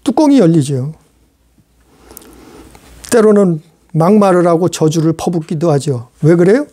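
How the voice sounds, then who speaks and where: A man's voice: on the high side, animated, unhurried, warm tone, slightly rough. A man pastor preaching a sermon, emphatic and repetitive, full of rhetorical questions.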